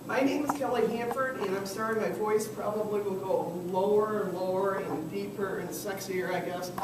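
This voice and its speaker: In a very echoey classroom with clear background noise, a woman teaching a small business class is heard from afar through a distant camera. Hoarse from losing her voice, she keeps a steady tone and moderate pace at an ordinary pitch, chatting and putting questions to the room.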